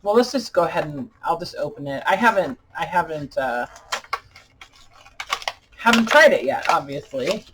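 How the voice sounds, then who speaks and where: A woman chatting casually as a craft video host, halting and deliberate, her speech slightly impeded by dentures as if her mouth were full of peanut butter. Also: deep voice, animated, noisy background. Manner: halting, deliberate, pausing often. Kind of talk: casual chat tutorial.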